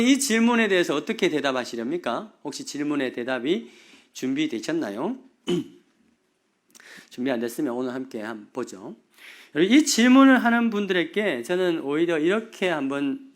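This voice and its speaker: A middle-aged male pastor preaching a sermon, asking the congregation rhetorical questions. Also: on the high side.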